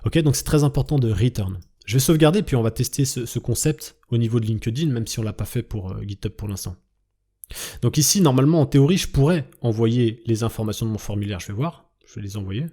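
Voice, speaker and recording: A man's voice: mid-range voice, animated, quick pace, dark tone. A man teaching a coding tutorial over his screen, explaining step by step, checking in with the viewer and thinking aloud as he types. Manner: explains step by step, often asks "d'accord?"; thinks aloud while typing, trailing off. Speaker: coding instructor.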